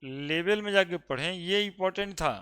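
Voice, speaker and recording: Bright-voiced chemistry teacher. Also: male voice, sits high, moderate pace, clean tone. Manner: chatty, joking with students before teaching; loud and emphatic when explaining. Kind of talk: classroom teaching.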